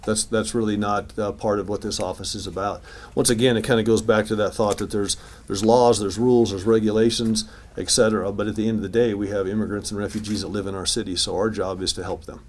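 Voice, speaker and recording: A man's voice: fairly low pitch, steady tone, quick pace. A man speaking as mayor at a news conference, talking informally with restarts and fillers. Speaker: city mayor at a press conference. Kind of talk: press conference remarks and answers. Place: city hall news conference room.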